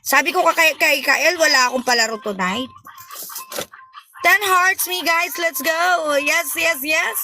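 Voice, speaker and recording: A woman's voice: sits high, unhurried, noisy background. A young woman hosting a live stream, chatting playfully and teasing viewers, mixing in English phrases. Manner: playful, teasing, switches between Tagalog and English.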